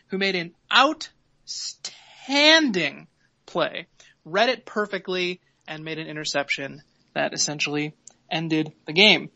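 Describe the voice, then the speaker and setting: A man hosting a casual sports podcast, recapping plays in quick, wry detail. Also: a little high, sharp tone, no echo, highs cut off. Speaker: podcast host.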